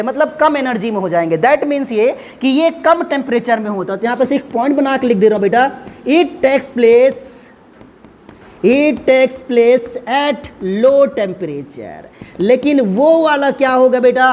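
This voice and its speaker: Speaking in a very high-pitched voice, a man teaching chemistry explains concepts step by step at the board, addressing his class with affection during the lecture.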